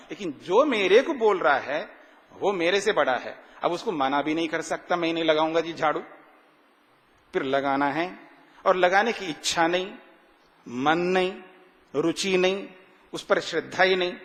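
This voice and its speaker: A man delivers a morning sermon in an ashram hall. His voice sits high, and his words ring out with a long echo. He keeps asking rhetorical questions and draws out sacred verses slowly for emphasis. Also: fairly bright tone. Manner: repetitive, rhetorical questions, slow emphatic recitation. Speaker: swami giving a morning discourse. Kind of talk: sermon explaining ritual mantras.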